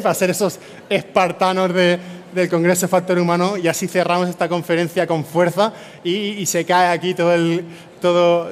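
An energetic man with a Spain Spanish accent gives a motivational keynote from a conference stage. His voice sits a little high, and he keeps tagging his lines with quick "eh?" and "no?" as he rallies the crowd. A faint hiss runs behind him. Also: in a large hall. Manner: energetic, peppers speech with "¿eh?" and "¿no?" tags; addresses and rallies a live audience. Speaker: keynote speaker. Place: conference stage before an audience.

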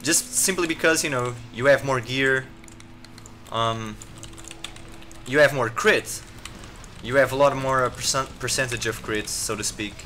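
A man giving live commentary while playing a game, rambling with many fillers and restarts and reacting excitedly to the action. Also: medium pitch, unhurried, pauses often, faint music behind. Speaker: gameplay commentator.

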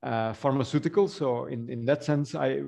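A middle-aged man from Belgium talks through his slides on a video call. His delivery is loose and chatty, with lots of fillers and restarts, at an ordinary middle pitch. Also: moderate pace, creaky. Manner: relaxed, rambling with frequent fillers. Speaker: university yeast researcher presenting. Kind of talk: online conference presentation.

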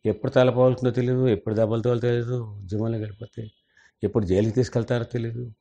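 A man's voice: medium pitch, level tone, racing, gravelly, mellow. An older man and senior journalist, earnestly telling a family story in an interview and mixing in English words.

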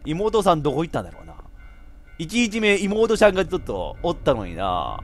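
A man playing a horror game, giving joking running commentary and breaking into sudden shouts. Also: a little high, huge pitch swings, brisk, faint music behind. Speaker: VTuber game streamer.

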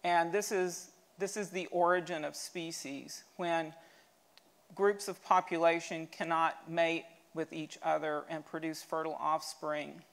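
A woman museum curator giving a steady, explanatory slide lecture, with an occasional restart. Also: deep voice, unhurried.

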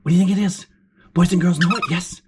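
A woman voicing an excitable, encouraging furry puppet as a kids show host, with gasps and exclamations while teaching children. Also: fairly low pitch, fast talker, close to an everyday voice. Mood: excited, encouraging. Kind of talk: children's lesson, sing-out praise and questions. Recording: clear background noise.

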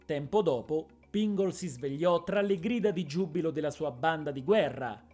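A woman narrating a fantasy story in a measured, expressive reading style. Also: sits low, faint music behind. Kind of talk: dramatic audiobook narration.

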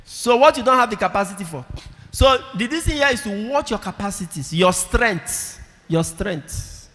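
Man, priest preaching, slightly high voice, long church reverb, emphatic repetitions. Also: expressive, moderate pace, sharp tone. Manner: emphatic, repeats key phrases, calls for audience responses. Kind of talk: sermon. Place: large church with congregation. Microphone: handheld microphone.

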